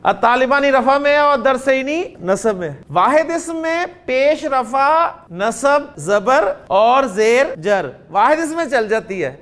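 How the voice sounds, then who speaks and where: A man's voice: very high voice, a bit bright. A man from Pakistan, giving a classroom grammar lecture and drilling students with questions. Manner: deliberate, drills students with questions, spells out sounds slowly. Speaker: Arabic grammar teacher.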